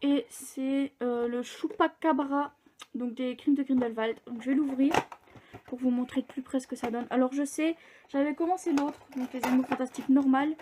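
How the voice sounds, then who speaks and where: A woman's voice: sits high, fairly even intonation, moderate pace, dark tone, a little hiss or hum. A young woman chatting casually in a book vlog, rambling with fillers and restarts. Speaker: book vlogger. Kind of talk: casual chat.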